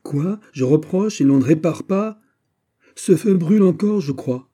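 A man's voice: medium pitch, moderate pace, dark tone, pitched above the performer's own voice, natural voice. A man reading an audiobook, voicing an imperious male general who speaks in a stern, sonorous way. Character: commanding middle-aged male general. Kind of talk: audiobook character voice.

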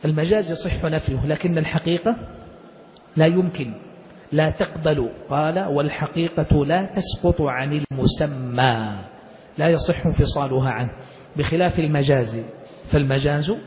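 A man's voice: on the high side, moderate pace, pauses often, a little mellow, a little hiss or hum. A male sheikh teaching a classical text, explaining it step by step and putting questions to his students. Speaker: sheikh teaching Islamic jurisprudence. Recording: dull lo-fi recording with long hall reverb.

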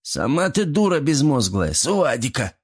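A man voicing a small, rude male gremlin with a shrill, cheeky voice. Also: big pitch swings, a little slow, slightly rough, exaggerated voice. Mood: squealing.

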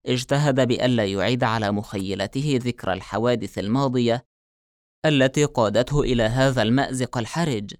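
Man reading an audiobook, measured. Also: mid-range voice, darkish tone, no echo, studio quality. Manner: measured, formal literary reading. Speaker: audiobook narrator. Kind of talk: scripted audiobook narration.

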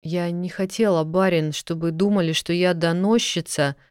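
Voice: medium pitch, steady tone, moderate pace, clear, resonant tone, no echo, clean studio sound, close to an everyday voice. A reader voicing a frightened young serving girl who pleads and sobs as she talks. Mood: pleading. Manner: pleading, sobbing, breathless.

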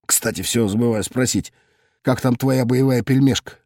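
Man doing a low-voiced mocking cop buddy. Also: normal speed, a little mellow, no echo, clean studio sound, lightly acted. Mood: dry. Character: calm, dry-witted male cop friend.

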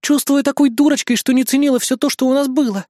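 A shy, worried teenage girl who talks softly and hesitantly, voiced by a man reading an audiobook. Her voice sits high above his own, in a dry, close recording. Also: fairly even intonation, fast talker, no room sound. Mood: anxious. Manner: soft, guilty, hesitant.

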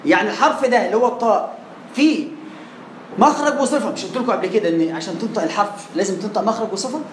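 A man's voice: sits high, rapid-fire. A man with an Egyptian accent teaching Quran recitation in class, asking questions and answering them himself, drilling pronunciation. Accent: Egyptian Arabic. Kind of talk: classroom lesson. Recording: echoey room, faint background noise.

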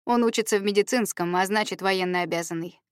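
A woman's voice: mid-range voice, fast talker, smooth, dry recording, clean studio sound, close to an everyday voice. A woman voicing a firm, commanding woman who gives short orders, in a memoir reading.

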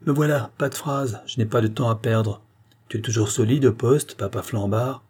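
A man voicing a cocky, brisk actor-turned-detective who gives orders jauntily. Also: mid-range voice, a little mellow, husky, lightly acted.

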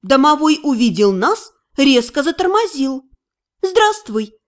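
A woman reading a first-person audiobook with expressive storytelling. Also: sits high, normal speed. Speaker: audiobook narrator. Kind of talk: first-person scripted narration.

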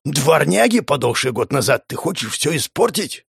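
A man's voice: on the high side, big pitch swings, normal speed, vocal fry, husky, no room sound, clean studio sound, voice pushed up, full character voice. A man playing a domineering old clan patriarch. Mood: cold growling. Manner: shouting, then growling through clenched teeth.

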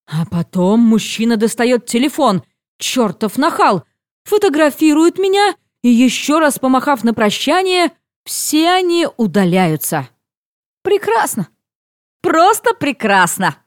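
A young adult woman narrating a novel in the first person, with a lively, expressive reading that acts out the exclamations. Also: sits high, no echo, clean studio sound. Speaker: audiobook narrator.

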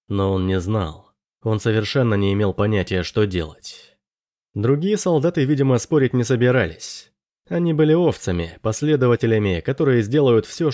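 A man narrating an audiobook in a steady, measured way. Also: fairly low pitch, no room sound, clean studio sound. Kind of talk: scripted narration.

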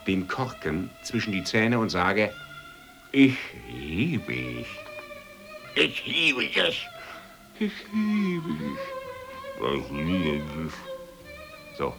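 A male actor playing a mocking, theatrical man who lectures on love, swinging between loud taunts and whispers. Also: deep voice, rough recording. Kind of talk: stage or radio play acting.

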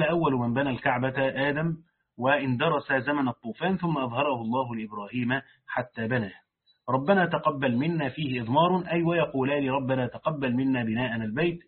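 A man reading a Quran commentary aloud and pausing to explain it in plain colloquial speech, like a sheikh teaching a lesson. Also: mid-range voice, a little hiss or hum. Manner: reads the text aloud, then breaks off to explain it in colloquial speech. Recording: tinny phone-like lo-fi recording.

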